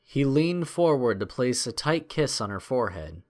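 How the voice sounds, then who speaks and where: In a mid-range voice, a man narrates a scripted adventure story, delivering it in a measured, expressive and dramatic storytelling manner.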